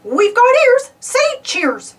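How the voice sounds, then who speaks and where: Woman as upbeat storybook cartoon mouse boy, high-pitched, wildly animated, encouraging. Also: slow, recorded from a distance, slight background noise, heavily acted. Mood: cheery.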